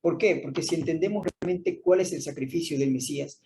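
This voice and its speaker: A man's voice: fairly high pitch, fairly quick, mellow, a little hiss or hum. A man teaching a verse-by-verse Bible study, explaining the text and repeating its key phrases.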